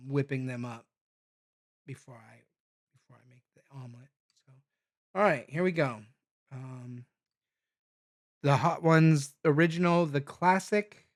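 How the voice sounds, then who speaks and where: A somewhat high-voiced man talking his way through a hot sauce taste test. He rambles and thinks aloud, filling the gaps with frequent ums and restarts in a loose, casual vlog manner. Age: adult parent.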